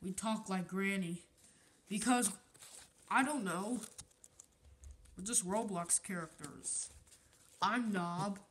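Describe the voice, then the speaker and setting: A woman's voice: medium pitch, takes it slowly, long pauses, a little hiss or hum, natural voice. A woman voicing a creepy Roblox killer in an elderly, singsong granny manner for a homemade toy puppet play. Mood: creepy, insistent.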